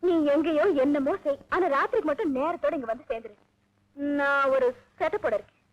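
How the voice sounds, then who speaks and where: An actress playing a sharp-tongued, teasing young village wife in a film comedy, quarrelsome. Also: female voice, sits high, lively intonation, brisk, dry recording, lo-fi sound. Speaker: wife, daughter-in-law. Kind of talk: 1980s film comedy acting.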